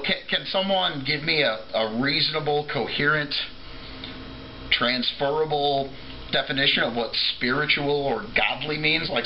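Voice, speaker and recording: A man's voice: a little high, pushed and bright, a little hiss or hum, rough recording. A man giving an off-the-cuff, drunken, rambling opinion rant as a video blogger, trailing off, restarting and swearing freely.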